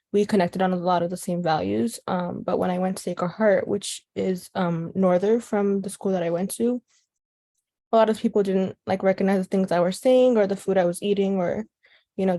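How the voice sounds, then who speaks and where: A young woman from Chicago, in her teens to young adulthood, speaks with an American accent and a mellow, medium-pitched voice. As a youth organizer interviewed for an oral history, she talks casually and thoughtfully.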